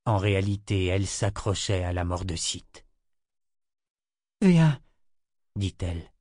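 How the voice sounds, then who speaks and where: A man reading a fantasy novel aloud in a steady, expressive storytelling manner. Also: sits low, normal speed, no room sound, clean studio sound. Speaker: narrator. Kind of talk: audiobook fantasy narration.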